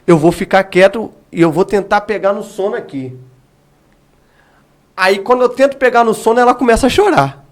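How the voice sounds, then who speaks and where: A man's voice: high voice, animated, moderate pace. A man, an evangelist giving his testimony as a podcast guest, telling his story vividly and acting out what was said. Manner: vivid storytelling that acts out remembered dialogue.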